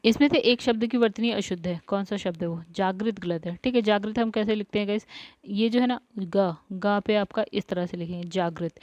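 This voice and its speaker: A woman Hindi exam tutor with a medium-pitched, darkish voice and a normal pace patiently walks through spelling step by step, repeating words and saying "guys" often. The recording is dry, dull, and lo-fi.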